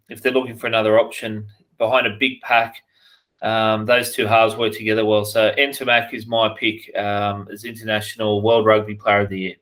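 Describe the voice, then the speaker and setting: A man's voice: medium pitch, fairly bright tone, poor audio. New male panelist, mid-range voice, enthusiastic casual talk. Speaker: podcast panelist. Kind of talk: casual sports chat.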